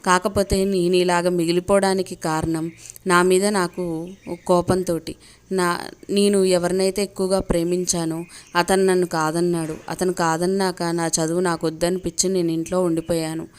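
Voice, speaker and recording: A woman's voice: fairly low pitch, flat delivery, moderate pace, clean tone, natural voice. A woman voicing the ghost of a young woman, mocking and bitter. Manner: mocking, defiant.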